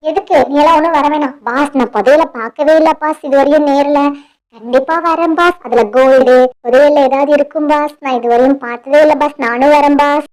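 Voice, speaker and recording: A woman's voice: high-pitched, steady tone, a little fast, a little mellow, close to an everyday voice. A woman voicing a chatty, eager female bird helper in a cartoon, nosy and given to grumbling. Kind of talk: cartoon voice acting.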